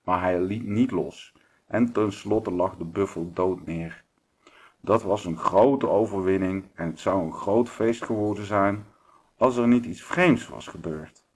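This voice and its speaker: A man's voice: sits low, measured pace, darkish tone, slightly rough. A man reading a children's book aloud, with occasional slips and restarts. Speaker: reader.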